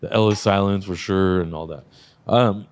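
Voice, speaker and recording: Relaxed, low-voiced male podcast host. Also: normal speed, dry recording. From Lebanese Armenian family. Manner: relaxed, swears freely, laughs often. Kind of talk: casual chat.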